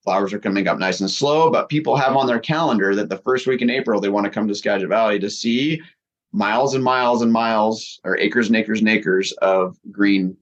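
A man's voice: on the low side, brisk, dull audio. A man hosting a casual interview, talking with playful enthusiasm and lots of restarts. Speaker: podcast host.

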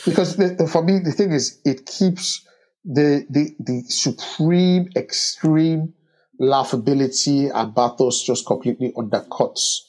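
A man with a husky voice recapping a film in casual chat, halting with many restarts. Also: on the high side. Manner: halting, many restarts and ums, animated when joking. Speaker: podcast co-host recapping a film. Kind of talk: casual movie discussion.

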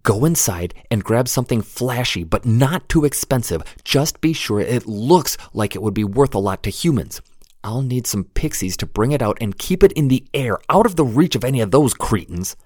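A man voicing a small, bold young woman who gives brisk, commanding orders. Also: medium pitch, expressive, a little mellow, no echo, clean studio sound, pitched above the performer's own voice, lightly acted. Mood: urgent.

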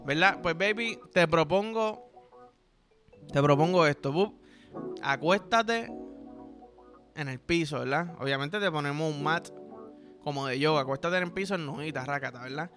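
Bright-voiced Puerto Rican man joking crudely. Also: fairly high pitch, normal speed, long pauses, faint music behind. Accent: Puerto Rican Spanish. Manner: rambling, vulgar, joking, heavy slang. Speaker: podcast host. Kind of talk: crude comic monologue.

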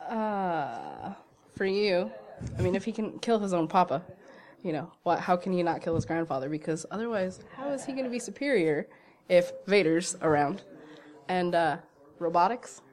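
Lower-pitched woman, halting casual debater. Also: expressive, darkish tone. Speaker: debate contestant.

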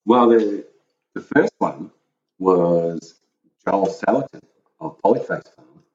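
Man, very low mellow voice, matter-of-fact, middle-aged, dull echoey recording. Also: animated, slow pace, far from the mic. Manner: plain, matter-of-fact storytelling. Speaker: guest, host's husband. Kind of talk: casual podcast chat.

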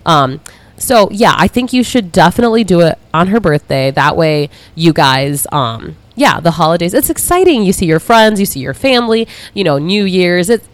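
A woman's voice: fairly low pitch, moderate pace, no echo. A woman hosting an advice podcast, blunt and heavily profane, laughing often and gushing over listener messages. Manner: gushing and animated when excited. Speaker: podcast host.

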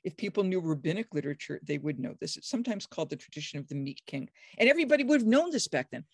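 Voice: sing-song, racing, slightly rough, no room sound. Emphatic scholar with dry close sound. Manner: acts out quoted speech with sudden high pitch jumps; emphatic, enthusiastic, frequent restarts. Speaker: biblical scholar, guest. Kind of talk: animated explanatory conversation.

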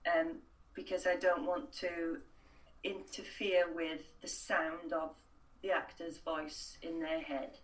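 A Welsh-speaking voice and accent coach answers interview questions chattily, restarting often and using plenty of fillers. Her voice sits low, slow and fairly monotone, and the recording sounds distant and roomy.

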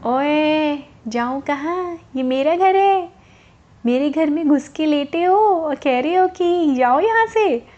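A woman voicing a naive little female chakor bird in a children's storybook tale, who turns shrill and indignant. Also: normal speed, dull audio. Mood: outraged. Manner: shrill outraged protest.

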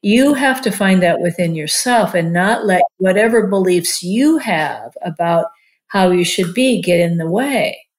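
Chatty older woman therapist, lowish voice. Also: expressive, a little slow. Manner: chatty, warm-hearted, many "like" fillers. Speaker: marriage and family therapist. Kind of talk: casual interview talk.

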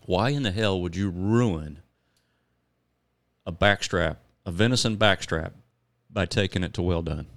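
A man's voice: sits low, unhurried, fairly bright tone, dry recording, studio quality. A man hosting a podcast in easygoing casual chat, laughing often. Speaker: podcast host.

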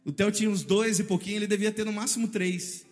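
A man in his thirties with a Brazilian Portuguese accent, telling a funny personal story in an animated way and acting out voices and sound effects. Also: high voice, fast, big-room sound, soft background music.

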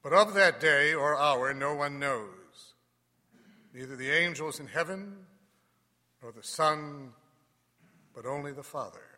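A man, a priest, leading Mass and giving a homily in a measured, deliberate way that softens at the end of phrases, heard with a long cathedral echo. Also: on the high side, expressive. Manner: measured, deliberate, dropping softly at phrase ends. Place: large church.

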